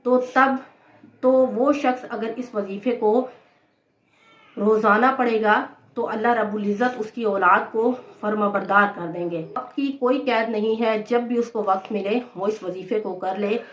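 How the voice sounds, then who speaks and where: A woman, a religious teacher, giving patient devotional instruction and repeating key points steadily. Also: medium pitch. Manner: steady, patient explaining with frequent repetition. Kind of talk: devotional instruction on prayer recitations. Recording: roomy, dull lo-fi recording.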